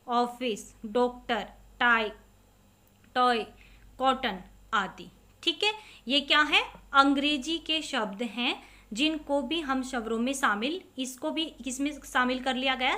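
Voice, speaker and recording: A woman teacher talks a young class through a lesson in a high, bright voice. She explains each point step by step, asks a question and answers it herself. She says the example words slowly and carefully. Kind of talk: online class lesson for children.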